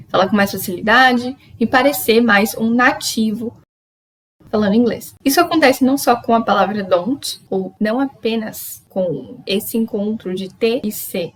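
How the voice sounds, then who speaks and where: A young woman from Brazil teaches pronunciation on a video channel, her voice sitting a little high. She explains patiently and drills each example word slowly and clearly. She is recorded close to the mic in a quiet room at home. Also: low-quality recording. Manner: explains step by step, repeats model words slowly. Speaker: English teacher. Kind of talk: YouTube pronunciation lesson.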